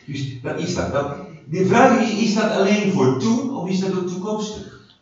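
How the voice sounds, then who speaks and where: A man's voice: high-pitched, animated, normal speed. A man leading an informal Bible study, talking conversationally, repeating and restarting words and putting questions to the group. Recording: echoey room from a distant mic, dull sound, faint noise.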